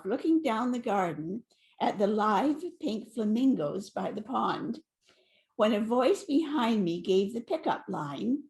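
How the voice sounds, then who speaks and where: An older woman, a guest on a live online event, reading a prepared anecdote in a gentle storytelling way. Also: on the high side. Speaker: guest sharing a memory.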